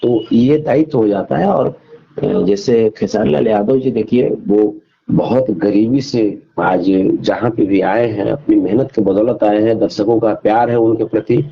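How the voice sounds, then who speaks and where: In a phone interview, a male guest argues his opinions emphatically, repeating phrases and asking rhetorical questions. His voice is on the low side, a little slow, slightly rough with vocal fry, heard through a dull lo-fi phone call recording.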